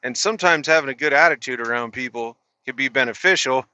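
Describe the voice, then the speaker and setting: A man's voice: medium pitch, quick pace, bright, forceful tone, clean tone, highs cut off. A middle-aged man, a truck driver, casually telling a story in a laid-back, profane, rambling way with restarts.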